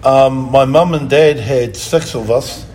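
A soft-spoken man in his fifties with a New Zealand accent answers questions at a middle pitch. He pauses often and fills the gaps with ums and uhs. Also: poor audio. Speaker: interview guest. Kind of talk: casual interview.

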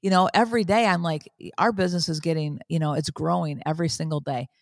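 A woman in her fifties giving a motivational faith talk as podcast host, earnest and preachy, repeating phrases and jumping up in pitch when she stresses a point. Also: quick pace, no room sound, clean studio sound. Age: 50s.

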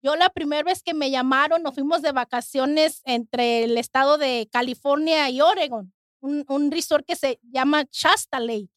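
Brief: earnest woman guest, high voice, halting testimony, dry close sound. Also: a bit bright, no echo. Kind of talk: emotional personal testimony.

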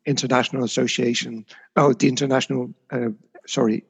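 A man's voice: mid-range voice, flat delivery, fairly quick, vocal fry, husky. A man as an interview guest, talking reflectively about his career with frequent small restarts. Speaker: guest, communications consultant. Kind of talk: casual interview.

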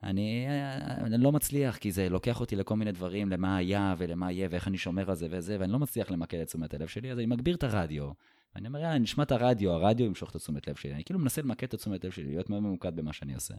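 A man's voice: sits low, lively intonation, warm tone, dry recording, clean studio sound. A male podcast host telling a personal story in casual conversation, searching for words and repeating himself as he goes.

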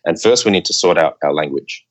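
A man guesting on a podcast, explaining coffee ideas in a relaxed, lecture-like way with plenty of filler words. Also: a bass voice, brisk. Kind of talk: casual interview talk.

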